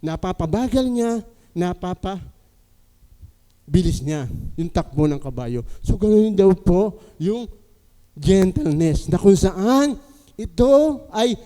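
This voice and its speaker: A man preaches a sermon, his voice high yet resonant and warm. He keeps drawing the congregation in with polite questions, and a long church hall reverb trails behind every phrase. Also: expressive, takes it slowly, long pauses. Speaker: pastor. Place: church sanctuary.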